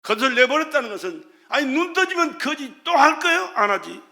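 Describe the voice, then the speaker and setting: A pastor delivering an impassioned sermon, his voice pitched very high with a sharp, forceful brightness. He climbs to shouted cries, then drops to hushed, almost whispered lines. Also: big pitch swings, brisk, gravelly.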